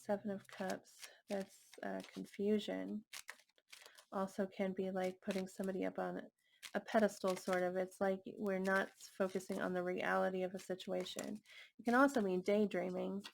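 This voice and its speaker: A woman giving a casual tarot reading in a gentle, musing way. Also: mid-range voice, level tone, moderate pace, vocal fry, a little hiss or hum. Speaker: tarot reader.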